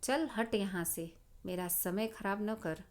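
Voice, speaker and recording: A woman voicing a gruff, dismissive male tailor in a children's story. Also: medium pitch, takes it slowly, natural voice. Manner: dismissive, scolding.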